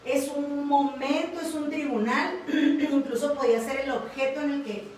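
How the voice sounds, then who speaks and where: A woman's voice: high voice, steady tone, normal speed, a little mellow, a little hiss or hum. A woman with a Mexican accent teaching a livestreamed Bible class, often adding tag questions and fillers. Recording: very echoey room, mic far off.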